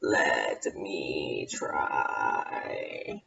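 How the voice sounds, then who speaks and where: Deep breathy groaning mummy, slow, distant roomy sound. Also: female voice, very animated, dull audio, background noise, exaggerated voice.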